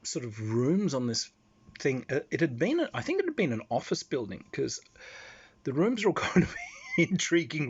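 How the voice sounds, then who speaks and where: A man with an Australian accent telling casual convention anecdotes in an animated, loose storytelling manner. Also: mid-range voice, husky, highs cut off.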